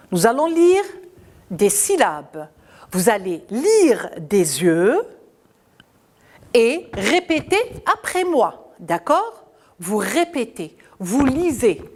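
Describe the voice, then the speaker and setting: Slow, animated woman teaching children. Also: on the high side. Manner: slow, clearly articulated, repeating syllables; encouraging, addressing children warmly. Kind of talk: school reading lesson for children.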